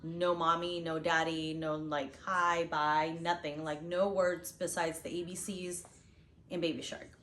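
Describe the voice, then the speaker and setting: A woman's voice: low-pitched, flat delivery, unhurried, a bit bright. A woman co-hosting a casual chat about parenting, talking loosely with fillers and restarts. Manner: chatty, frequent fillers and restarts. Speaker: channel co-host, parent. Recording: roomy with faint background noise.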